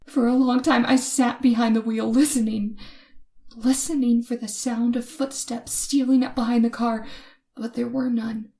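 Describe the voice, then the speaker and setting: A woman with a slightly high, mellow, natural voice plays a frightened young motorist in an old-time radio horror drama, speaking at a moderate pace in a level tone. Her tense, ominous, suspenseful narration of her terror includes breathy gasps and hesitant stammers, over a noisy recording with ambient effects.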